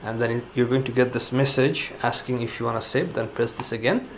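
Talking a little fast, the product reviewer walks through a gadget in a loose, easygoing manner, his speech packed with "you know" and "uh". His voice is an everyday man's of ordinary pitch, heard off-screen indoors over a faint background hiss.

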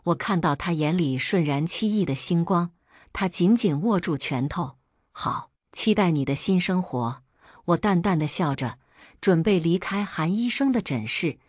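A woman narrating a first-person domestic drama at a steady, even pace. Her voice sits low, and the recording is dry and close. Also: no room sound. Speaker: story narrator.

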